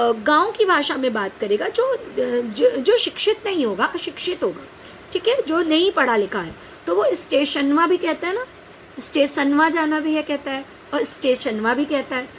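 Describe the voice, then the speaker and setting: A woman's voice: high-pitched, rough recording. A woman teacher giving a lecture, explaining a text patiently and checking in with her students through rhetorical questions. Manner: patient, addresses students as "बेटा". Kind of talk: classroom lecture on a set text. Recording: faint background noise.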